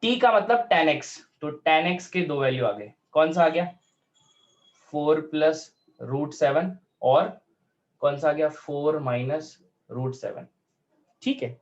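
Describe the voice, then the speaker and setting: A male math teacher, his voice a little high for a man, works through a whiteboard problem step by step, talking the steps aloud and often checking that the class is following. When he reads formulas he slows almost to dictation speed. The sound is slightly muffled.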